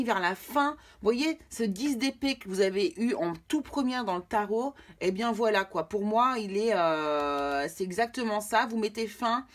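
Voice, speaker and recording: A woman giving a casual tarot reading to camera, chatting directly with her viewers. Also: a little high. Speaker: tarot card reader.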